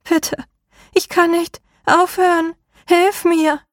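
A woman voicing a tormented cursed woman trapped in a cage of bones, begging for help in a strained, croaking voice. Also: very high-pitched, fairly even intonation, slow, no room sound, studio quality, pitched above the performer's own voice, exaggerated voice. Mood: pleading. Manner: desperate, pleading.

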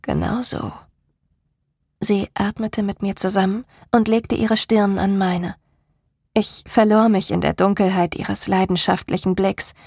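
A woman giving scripted first-person narration of a novel, slow and intimate. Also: medium pitch, darkish tone, husky, dry recording, clean studio sound. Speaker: audiobook narrator.

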